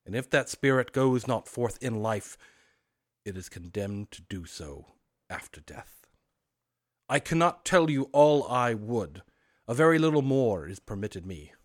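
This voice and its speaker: A man voicing a tormented old male ghost, speaking loudly, slowly and with great solemnity. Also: medium pitch, animated. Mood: mournful. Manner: loud, slow, declamatory. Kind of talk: storybook reading.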